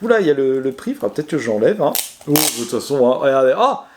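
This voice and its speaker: Male video creator, casual vlog, mid pitch, chatty, self-mocking, hesitant and full of fillers. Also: sing-song, fast talker, darkish tone. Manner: self-mocking, laughs at himself. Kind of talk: casual talk to camera.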